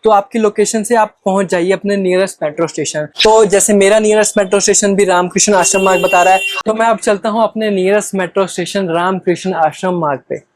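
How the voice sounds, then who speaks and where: A man's voice: high voice, fairly even intonation, fast talker, few pauses. A man with an Indian accent giving step-by-step travel guide narration, instructional and mixing in English phrases. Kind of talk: step-by-step explanatory vlog narration.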